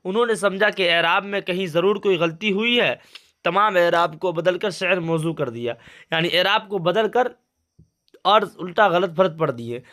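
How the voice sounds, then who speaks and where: Young male tutor, high voice, walks through exam answers, repeats every point. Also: expressive, moderate pace, fairly bright tone. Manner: repetitive, explains each line again. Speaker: Urdu teacher.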